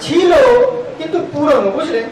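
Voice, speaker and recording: Man playing an eager high-voiced Indian Bengali suitor. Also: lively intonation, moderate pace. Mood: eager, accommodating. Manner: eager, easily flustered. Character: eager, smitten, flustered young man awaiting his bride-to-be. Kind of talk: light romantic comedy drama acting. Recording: very echoey room, distant mic, faint noise.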